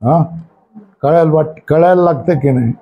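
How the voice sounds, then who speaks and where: A man's voice: on the high side, normal speed, dull audio. A male spiritual teacher giving a scripture class, constantly questioning his students and telling them to number and underline passages. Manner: asks the class constant questions and checks for agreement.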